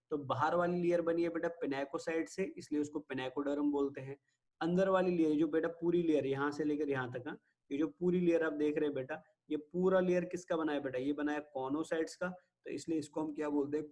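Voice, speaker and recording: A man with an Indian accent giving a biology lecture, who keeps asking his students questions, answers them himself and slows down on English definitions. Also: on the high side. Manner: mixes Hindi with English terms, slows on definitions. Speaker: biology teacher. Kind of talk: classroom lecture.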